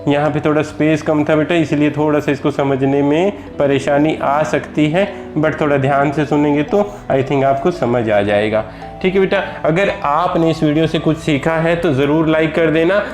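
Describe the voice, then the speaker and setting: A man's voice: on the high side, steady tone, normal speed, soft background music. A man with an Indian accent teaching a lesson, patiently repeating each example word and addressing his viewers as children. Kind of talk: slow explanatory lesson.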